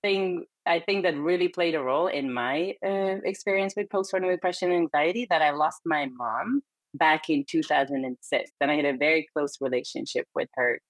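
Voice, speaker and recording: The guest here is a middle-aged Hungarian perinatal therapist whose low voice moves at a brisk clip as she speaks openly and earnestly in a Hungarian accent. She laughs lightly between phrases during the conversational podcast interview, and there's no room sound.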